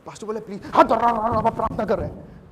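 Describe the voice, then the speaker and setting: Male pastor, animated sermon delivery, lively and theatrical, reverberant hall sound. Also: high voice, a little hiss or hum. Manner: animated preaching mixing Hindi and English, acting out voices.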